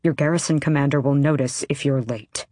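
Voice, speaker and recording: A woman reading an audiobook, voicing a curt, gruff young male rebel leader in low, quiet tones. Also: fairly even intonation, brisk, no echo, studio quality. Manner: curt, terse commands.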